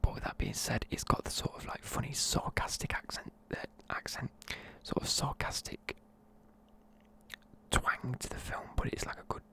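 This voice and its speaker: Whispering close to the mic like an ASMR video, a sleepy, tired YouTuber rambles through a film review, loose and full of fillers. The pace is normal and the tone fairly bright.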